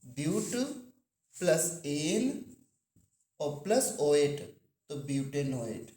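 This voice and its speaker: A man's voice: a little high, lively intonation, dark tone. Man teaching in an echoey classroom. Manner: questions the class and repeats key terms slowly. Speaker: chemistry teacher. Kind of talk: classroom lecture.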